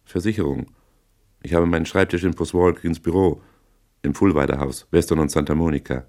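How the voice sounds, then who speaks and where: Deep, gruff and sullen, this small-time crook, voiced by a male reader, grumbles his answers from the low end of the voice. He stays shifty and defensive throughout, as in a spoken detective story. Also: fairly even intonation, fairly quick, a little mellow. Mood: evasive.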